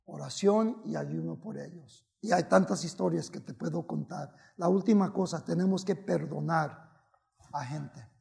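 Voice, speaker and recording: Man preacher, gravelly voice, high pitch, unhurried, bilingual sermon. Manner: switches between Spanish and English, exclaims and shouts at peaks.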